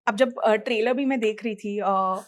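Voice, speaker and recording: A woman hosting a chat show, interviewing her guest with measured, drawn-out questions and frequent affirming interjections. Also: mid-range voice, crowd noise.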